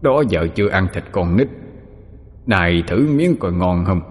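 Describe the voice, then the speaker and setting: A man voicing a menacing ghost, who talks slowly and hungrily. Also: deep voice, lively intonation, in a large hall. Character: menacing child-eating ghost, deep and hungry.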